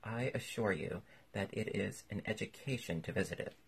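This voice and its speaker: A man's voice: fairly low pitch, normal speed, gravelly, breathy edge, heavily acted. A man reading aloud voices a pompous, long-winded older politician with a lecturing manner.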